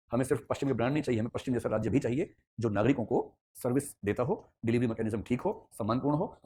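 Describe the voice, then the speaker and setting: A man's voice: mid-range voice, warm tone, breathy edge. A man teaching an ethics class, telling a story with playful asides in a classroom lecture.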